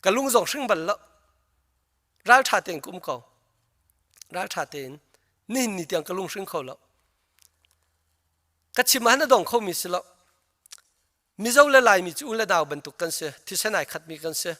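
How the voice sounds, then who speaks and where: A man's voice: sits high, expressive, moderate pace, pauses often, bright, forceful tone. A man, a pastor, preaching a sermon in an earnest, storytelling way.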